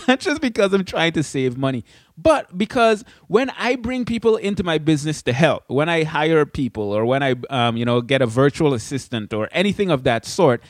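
A man's voice: on the high side, dry recording, studio quality. A man from the Caribbean hosting a podcast in a casual, chatty way with frequent restarts and asides. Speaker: podcast host. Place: indoors away from his studio.

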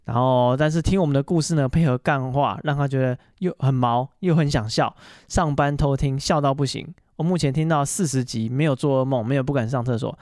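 A man hosting a podcast, casually telling stories alone and pausing on fillers as he goes. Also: medium pitch, no echo, clean studio sound. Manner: chatty, animated retelling full of fillers. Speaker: podcast host. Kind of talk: casual solo storytelling monologue.

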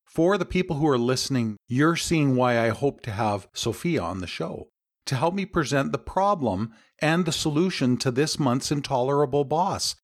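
A man's voice: medium pitch, lively intonation, normal speed. A man hosting a podcast interview, complimentary and encouraging toward his guest. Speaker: podcast host.

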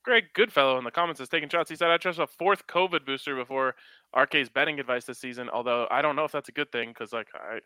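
A man's voice: mid-range voice, quick pace, pushed and bright, clean tone, no room sound. A man hosting a sports podcast, chatting casually and jokingly about betting.

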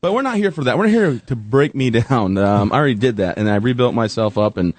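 Animated and fairly quick, this mid-range male voice belongs to a veteran in his thirties who pokes fun at himself while recounting his story. The interview shifts from joking to sincere.

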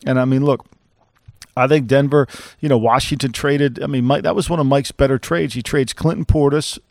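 A man's voice: medium pitch, fairly even intonation, fairly quick, vocal fry, darkish tone, no echo, clean studio sound. A man co-hosting a football podcast, blunt and opinionated, rambling with restarts in casual sports talk. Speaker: co-host, former NFL executive.

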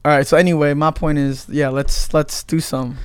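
Man, higher-pitched, podcast co-host, casual banter, blunt, profane slang, dry recording. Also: level tone, moderate pace, clean tone, no room sound.

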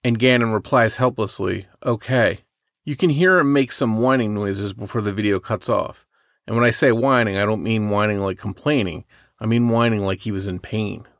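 A man co-hosting a podcast, reading a true crime story from a script in a measured way. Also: lowish voice, fairly bright tone, no room sound, clean studio sound. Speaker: podcast co-host.

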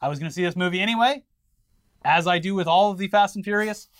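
A man's voice: high-pitched, fast. A man co-hosting a podcast, chatting casually and wryly while he covers the news. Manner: wry, opinionated, covers the news. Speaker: podcast co-host. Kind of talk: casual chat.

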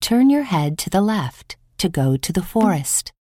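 A woman guiding a relaxation meditation with slow, calm, soothing instructions. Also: on the low side, no echo, clean studio sound. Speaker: meditation guide. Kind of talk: scripted guided meditation.

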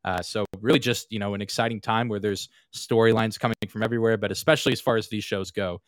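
Low-voiced man chatting on a podcast. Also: fairly even intonation, quick pace. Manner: rambling, laughs often, many fillers. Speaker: podcast guest. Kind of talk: casual podcast chat.

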